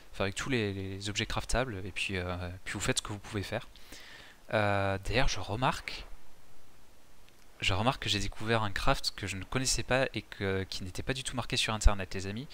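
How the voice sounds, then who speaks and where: A man's voice: fairly low pitch, pushed and bright. A man casually explaining a survival game's crafting as he plays, talking in a chatty way with many fillers and restarts. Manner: chatty, many fillers and restarts, mixes English game terms. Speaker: gaming youtuber explaining a survival game. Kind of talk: casual game tutorial commentary.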